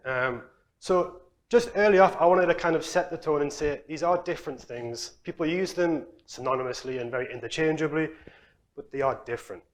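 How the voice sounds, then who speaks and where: A man's voice: fairly high pitch, brisk. Chatty young man. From Newcastle, England. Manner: relaxed, chatty, self-deprecating. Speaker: exercise physiology researcher. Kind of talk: conference talk. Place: conference hall.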